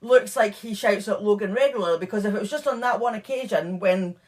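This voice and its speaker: Talking fast in a mid-range voice, a woman co-hosts a true crime podcast. Her retelling of the case details is loose and chatty, packed with fillers and side comments.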